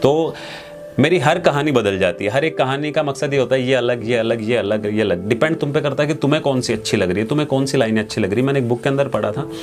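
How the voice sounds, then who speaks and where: A man's voice: medium pitch, quick pace. A young man hosting a storytelling channel, giving an earnest, reflective monologue and asking the listener direct questions. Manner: earnest, direct, speaks straight to the viewer with questions. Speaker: poetry and storytelling channel host. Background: background music.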